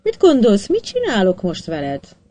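A woman's voice: on the low side, animated, dark tone, close to an everyday voice. A woman reading an audiobook, voicing a stern, commanding male ship captain.

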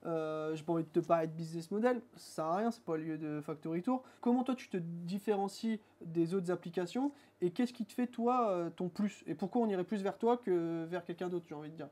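A man's voice: high voice, a little fast, hardly any pauses, darkish tone. A man in his thirties hosting an interview, asking long, chatty questions hedged with fillers, recorded in a workshop studio on a lapel mic. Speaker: interviewer, host. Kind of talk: casual interview. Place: dim motorcycle workshop studio.

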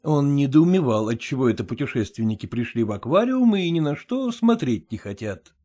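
A man with a medium-pitched voice narrates an audiobook. His scripted reading is measured and expressive.

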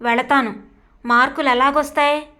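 A woman voicing a lively, stubborn young female college student who answers back teasingly in a storybook reading. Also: high voice. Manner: teasing, stubborn, quick retorts.

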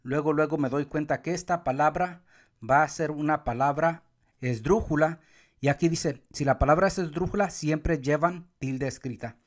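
A man teaching Spanish accent rules step by step, sometimes calling out words loudly to show where the stress falls. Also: a little high. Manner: calls out words loudly to show the stressed syllable, counts syllables slowly. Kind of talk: explaining accent marks step by step.

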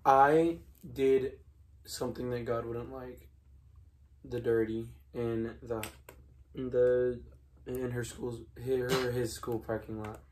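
A man's voice: medium pitch, little pitch movement, slow pace, a little mellow, slight background noise, rough recording. A young man chatting casually and giving blunt, brief, matter-of-fact advice as a co-host. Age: young adult. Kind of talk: casual chat. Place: small room at home, indoors.

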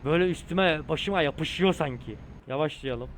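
A young man talks to his viewers while he plays a driving game. His voice sits a little high, and he swears and jokes as he goes. Faint engine hum runs underneath. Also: normal speed. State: tired and hot. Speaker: gaming streamer. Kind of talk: casual gameplay commentary.

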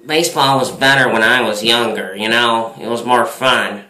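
A man doing a loud, slurring older sports fan. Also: medium pitch, steady tone, reverberant, low-quality recording. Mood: rambling. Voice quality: loud, slurring drunk-sounding voice. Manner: rambling, repetitive, drawn-out talk. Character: loud older male baseball fan who sounds drunk.

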